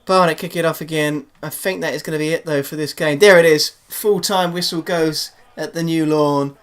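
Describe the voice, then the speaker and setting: Excitable man commentating a football game. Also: moderate pace. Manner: excitable, shouts goals then drops to a low murmur. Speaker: gaming YouTuber. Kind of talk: live commentary over a football video game.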